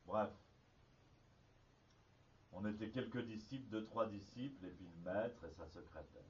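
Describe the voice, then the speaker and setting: A man teaching as a zen teacher, telling a story in a halting way with many restarts. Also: on the low side, slight background noise. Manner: halting, with frequent restarts and fillers. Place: meditation hall. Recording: distant, dull lo-fi archive recording.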